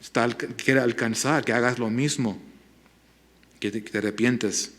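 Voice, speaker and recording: A man delivers a Bible sermon in a church, speaking earnestly and pleading with his listeners. His voice sits at a middle pitch, and he often restarts words as he talks. At times he drops into quiet, gentle appeals. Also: steady tone, unhurried. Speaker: pastor. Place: church sanctuary.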